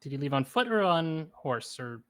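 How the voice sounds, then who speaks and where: A man playing his character in a tabletop game, talking fast and urgently with jokes in between. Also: a little high, big pitch swings, a bit bright. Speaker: player. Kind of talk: casual tabletop game play.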